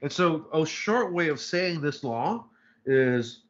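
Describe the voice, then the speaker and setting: A man's voice: on the high side, expressive, takes it slowly, dull audio. A man teaching a live online chemistry lecture, talking casually and rambling, with many fillers and frequent "right?" checks. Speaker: chemistry instructor.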